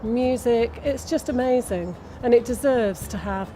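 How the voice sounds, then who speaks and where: A woman's voice: a little high, measured pace, warm tone. A woman speaking enthusiastically in an interview. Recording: faint outdoor street noise.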